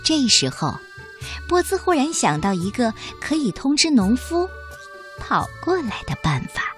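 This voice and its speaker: A woman narrating a children's storybook in an expressive, sing-song way. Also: high voice, measured pace, faint music behind.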